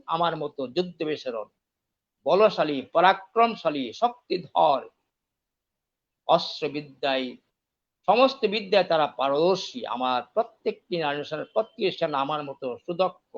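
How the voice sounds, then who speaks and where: A man voicing a calm, affectionate divine lord in a retold epic, explaining patiently. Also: a little high, muffled recording. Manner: explaining, persuasive.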